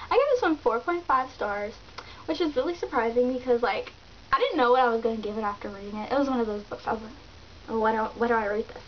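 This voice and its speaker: A woman vlogger reviewing books in an animated, chatty way, full of exclamations and fillers. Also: on the high side. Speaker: book vlogger. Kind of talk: casual book review chat. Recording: dull lo-fi recording with faint hiss.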